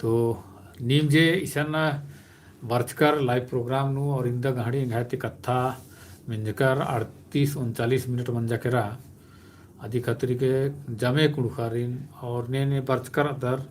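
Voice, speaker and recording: A man hosting a live stream, answering viewers' questions in a slow, hesitant way with many filler sounds. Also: mid-range voice, fairly even intonation, slight background noise.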